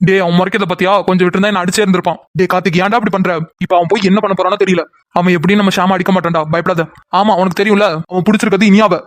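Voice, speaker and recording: Fast-talking man voicing cartoon guys. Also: sits high, level tone, no echo. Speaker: voice artist doing several male cartoon characters. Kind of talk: Tamil cartoon voice acting.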